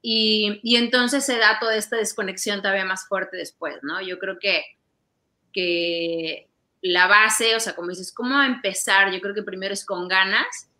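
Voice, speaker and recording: Bright-voiced Mexican woman musing on parenting. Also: medium pitch, measured pace. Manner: reflective, often adds "¿sabes?". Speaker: parent sharing advice. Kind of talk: casual conversation.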